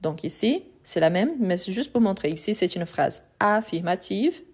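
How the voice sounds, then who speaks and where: A woman's voice: mid-range voice, lively intonation, normal speed, darkish tone. A woman teaching French grammar in a live lesson, patient and methodical, repeating examples step by step, Portuguese her first language.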